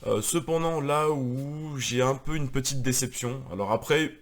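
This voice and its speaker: A man's voice: mid-range voice, normal speed. A man, married with a daughter, chatting casually and rambling with many fillers as he presents his video game collection. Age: adult, married with a daughter.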